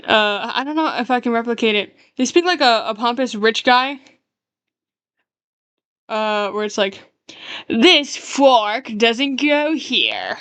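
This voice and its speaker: Woman streamer rambling about her art, bit high, dry close mic. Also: a bit bright, no echo. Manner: rambling, explaining her characters. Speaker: streamer and artist. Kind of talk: casual stream chat while drawing.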